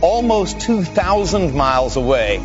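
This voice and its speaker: A male television host with a moderately high voice presents and interviews in a live broadcast style. The sound is a little dull, with music clearly audible behind him. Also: big pitch swings, a little slow. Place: television studio.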